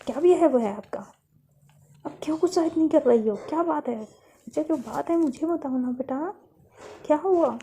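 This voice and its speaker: A woman's voice: high-pitched, normal speed, dark tone, slight background noise, pitched above the performer's own voice. A woman voicing a worried mother who scolds her daughter with pleading questions, in a read-aloud story. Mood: reproachful. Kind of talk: storybook reading.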